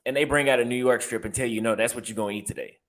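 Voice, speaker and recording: Rapid-fire and mid-range in pitch, a young Texan barber vlogs casually as he browses apartment listings, voicing reactions and repeating his phrases.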